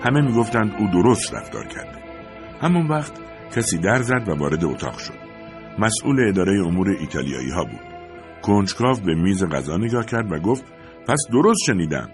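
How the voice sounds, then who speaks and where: A man reading a story aloud as narrator, with expressive storytelling. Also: deep voice, music in the background.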